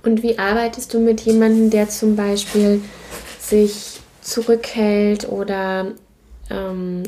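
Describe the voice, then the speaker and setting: Female podcast host, level monotone delivery, warm tone, asks long questions. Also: medium pitch. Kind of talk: interview questions.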